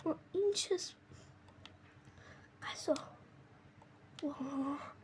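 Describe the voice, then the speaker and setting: Excitable high-voiced young woman gamer. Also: noisy background. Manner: excitable, jokey, often cries out and laughs. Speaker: gaming streamer. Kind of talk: casual let's-play commentary.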